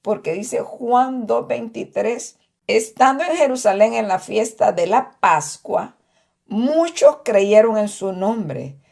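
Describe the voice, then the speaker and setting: A woman's voice: fairly high pitch, slow pace, gravelly. A woman co-hosting a Bible study program, talking animatedly and acting out the voices she quotes. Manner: animated, acts out quoted voices, laughs often. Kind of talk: conversational Bible teaching.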